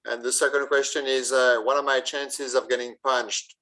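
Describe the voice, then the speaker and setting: A man volunteering as an usher, asking wry, deliberate questions in a casual meeting. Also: mid-range voice, little pitch movement, pushed and bright, low-quality recording. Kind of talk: casual Q&A on a video call.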